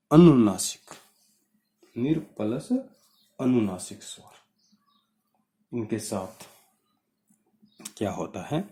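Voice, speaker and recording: Slow, dark-voiced man teaching grammar. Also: fairly low pitch. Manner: patient, explaining step by step, asks students questions. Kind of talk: Hindi grammar lesson.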